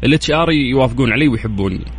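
Teasing fast-talking Saudi radio host. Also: male voice, mid-range voice, animated, slight background noise. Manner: teasing, playful, counts down quickly. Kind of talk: quiz call-in radio chat.

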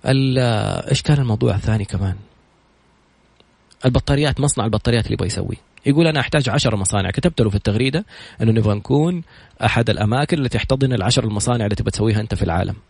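A man with a Saudi accent telling stories in a motivational talk, retelling what others said with quick, animated delivery. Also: mid-range voice, vocal fry, breathy edge, no echo. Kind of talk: motivational storytelling monologue.

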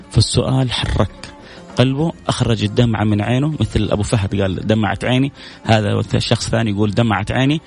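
A man's voice: mid-range voice, gravelly. A man hosting a call-in radio show, reading listener messages and answering with devout blessings. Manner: warm, devout, reads out messages and answers them with prayers. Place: radio studio. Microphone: studio microphone.

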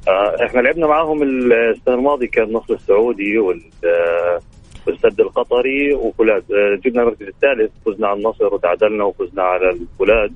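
A man's voice: lowish voice, rapid-fire. A man calling in to a radio show over the phone, talking hesitantly and filling gaps with stock pious phrases. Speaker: caller to a sports radio show. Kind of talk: casual phone-in chat. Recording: tinny phone line.

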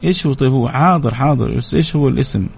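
A male radio host with a mid-range voice and some vocal fry chats casually on live radio, reading out listener names and greeting them one after another. His greetings are warm and his delivery quick and lively, with soft music playing in the background.

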